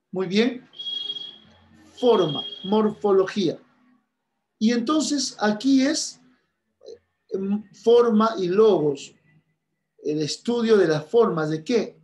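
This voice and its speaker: A man with a high voice teaches a church class at an unhurried pace. He is earnest, repeats his key points and addresses listeners as brothers and sisters. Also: a little mellow.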